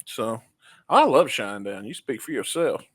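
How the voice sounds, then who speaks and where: A man's voice: medium pitch, expressive, moderate pace, husky, dry recording, studio quality. A man from the southern United States co-hosting a music review show in casual chat. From Memphis, United States.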